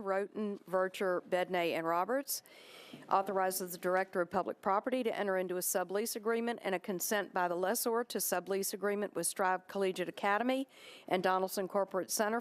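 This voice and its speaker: Brisk woman chairing a council meeting. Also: medium pitch. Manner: brisk, procedural, reads bill titles and calls votes.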